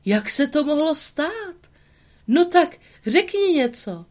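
A woman voicing a kindly elderly male woodcarver in a storybook reading, with excited exclamations. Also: on the low side. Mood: overjoyed.

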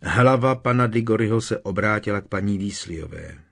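A man reading an audiobook in a calm, steady narration. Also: on the low side, gravelly. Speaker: audiobook reader. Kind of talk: scripted narration.

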